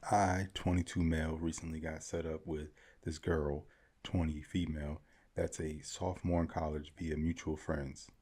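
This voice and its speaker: A man's voice: rumbling low, flat delivery, moderate pace, a little mellow, breathy edge. A man putting on a funny voice to read as a defensive young man telling his story. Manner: put-on reading voice with an odd accent. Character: young male poster, defensive and self-justifying.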